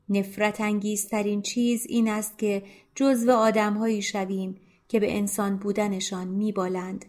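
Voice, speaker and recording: Soft-spoken woman narrating a novel. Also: mid-range voice. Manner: soft, hushed, dropping to near whispers. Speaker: audiobook narrator. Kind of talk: scripted literary narration.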